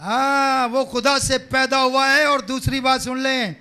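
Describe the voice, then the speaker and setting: A male pastor preaching a live sermon, repeating phrases and rising to shouts as the congregation answers. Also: very high voice, flat delivery, a little slow, clear, resonant tone. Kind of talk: live sermon with call and response.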